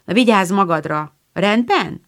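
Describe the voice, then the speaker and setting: Brief: woman doing a well-mannered boy, gentle storybook read. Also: medium pitch, animated, lightly acted. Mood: courteous. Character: polite, frail teenage boy neighbour.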